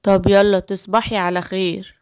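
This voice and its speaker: A woman's voice: flat delivery, normal speed, clear, resonant tone, dry recording, studio quality, close to an everyday voice. A woman doing a worried cartoon dad. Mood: calm. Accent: Egyptian Arabic. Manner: lowered, firm fatherly tone. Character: worried middle-aged father. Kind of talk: storybook cartoon voice acting.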